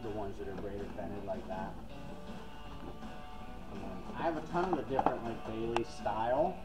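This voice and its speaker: Male retail clerk, explainer type, filler-heavy, in-store phone camera with clear background music. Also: on the low side, fairly even intonation, moderate pace, poor audio. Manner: chatty, explains with many fillers. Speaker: hat store salesperson. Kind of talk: casual in-store advice. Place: large western wear store, indoors. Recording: store music playing behind.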